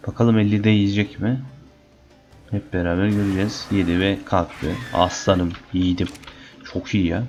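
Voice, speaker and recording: Casting note: young male gamer, lowish voice, chatty and teasing, faint game music underneath. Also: moderate pace. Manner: chatty, teasing the game creatures, bursts of excitement in fights. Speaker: gaming channel host. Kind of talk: casual let's-play commentary.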